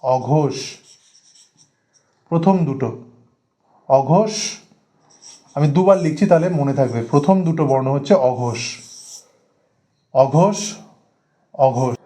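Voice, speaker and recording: Emphatic male grammar teacher, warm tone. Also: mid-range voice, lively intonation, measured pace, long pauses. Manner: repetitive, emphatic teaching, stresses key terms. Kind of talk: Bengali grammar lesson at a board.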